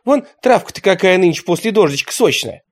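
A brash young peasant lad bursts out loud and cheeky, as a man puts him on. The voice sits high and jumps about lively, in a storybook reading. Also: fairly quick. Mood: tender. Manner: loud, shouting.

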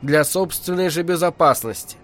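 A man in a measured, dark storytelling manner, reading an audiobook as narrator. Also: fairly high pitch. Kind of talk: scripted narration.

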